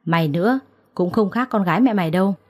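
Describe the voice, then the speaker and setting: A woman's voice: mid-range voice, fast talker, close to an everyday voice. A woman voicing a cruel, scornful middle-aged stepmother who speaks harshly and threateningly in a storybook. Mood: contemptuous.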